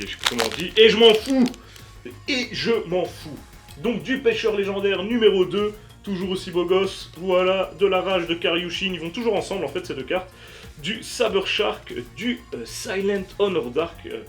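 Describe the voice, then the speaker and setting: A man casually commenting as he opens trading card packs on camera, chatty and joking, with frequent fillers and the odd crude word. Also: on the high side. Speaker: YouTuber opening card packs.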